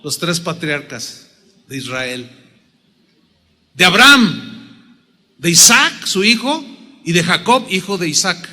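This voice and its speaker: A man with a Mexican accent preaching a sermon as pastor, humorous and animated, acting out little dialogues. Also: high-pitched, slow, long pauses. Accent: Mexican Spanish. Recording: long reverb of a big hall.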